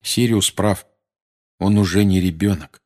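A man's voice: sits low, measured pace, darkish tone. A man narrating an audiobook expressively, giving each character a voice. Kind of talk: audiobook reading.

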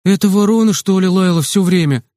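A man's voice: sits high, animated, a little fast, darkish tone, dry recording, clean studio sound, pitched above the performer's own voice. A man reading aloud voices an observant boy at summer camp who reasons and doubts. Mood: earnest.

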